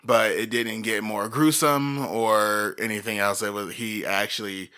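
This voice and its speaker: Deep, bright-toned man rambling casually. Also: steady tone, a little slow, clear, resonant tone. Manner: rambling, filler-heavy. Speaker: podcast co-host. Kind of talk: casual true-crime chat.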